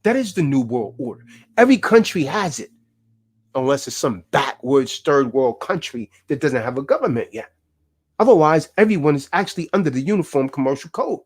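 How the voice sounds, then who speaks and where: A man's voice: medium pitch, lively intonation, a little fast, husky. A man giving a fiery, preachy lecture, full of emphatic rhetorical questions. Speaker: speaker teaching about contracts.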